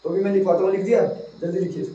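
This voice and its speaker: A man's voice: high-pitched, level tone, dark tone. A male teacher with an Indian accent lecturing a class, dictating notes with repeated phrases and questions to students. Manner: dictating slowly, word by word, repeating phrases for note-taking. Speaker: chemistry teacher. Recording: echoey room, distant muffled microphone.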